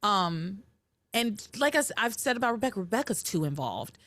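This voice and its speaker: Female podcast host, casual commentary, very animated intonation, emphatic, dry recording. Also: mid-range voice, normal speed, dry recording.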